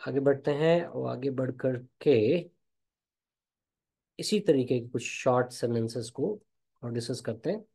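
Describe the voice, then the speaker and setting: Slow, mellow-voiced Indian man teaching. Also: mid-range voice, gravelly, breathy edge. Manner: slow, drawn-out explanations with repeated example phrases. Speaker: English teacher. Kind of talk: spoken English lesson.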